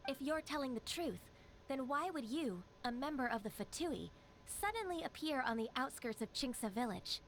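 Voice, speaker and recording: An actress voicing a calm, formal female secretary in a game. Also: high voice, a little hiss or hum. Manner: formal, polite, measured.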